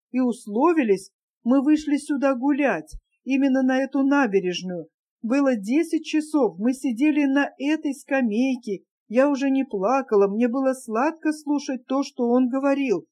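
A woman's voice: high-pitched, mellow. A woman reading a young woman's lines in a novel, earnest and close to tears. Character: young woman, tearful and anxious.

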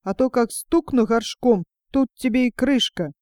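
A lazy, foolish young peasant lad from a storybook grumbles and blusters, as a woman reading the tale puts him on. The voice is a bit high and mellow, close and dry. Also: unhurried, no room sound, natural voice. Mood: blustering.

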